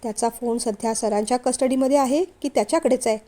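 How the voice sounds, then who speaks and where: A woman's voice: fairly high pitch, fast, dark tone, close to an everyday voice. A woman voicing a frank, bold young female employee in a storybook reading. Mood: worried.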